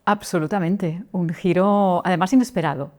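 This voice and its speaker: Middle-aged woman vocal coach, lowish voice, reflective guest. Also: steady tone, moderate pace, a little mellow. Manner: thoughtful, with frequent restarts and tag questions. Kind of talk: interview guest.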